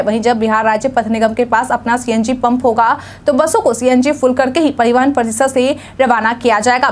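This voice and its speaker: A young woman anchoring a regional news bulletin, reading the news in a formal, even newsreader delivery from a studio desk. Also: a little high. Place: studio news set, indoors.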